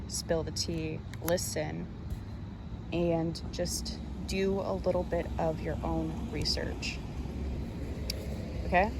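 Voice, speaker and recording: A woman with a slightly low voice and noticeable vocal fry talks a viewer through a tarot card reading. Her delivery is informal and conversational, sprinkled with slang. Clear background noise sits behind her voice.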